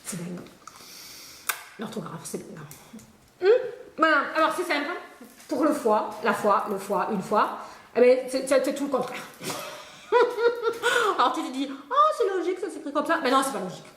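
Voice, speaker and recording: A woman's voice: high-pitched, sing-song, measured pace, long pauses, a bit bright. A woman doing a comedic spelling lesson, rambling to an imagined pupil, trailing off mid-sentence and laughing at herself. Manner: scatterbrained, rambling, talks to an unseen student, trails off and laughs. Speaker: comic spelling tutor. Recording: echoey room with faint noise.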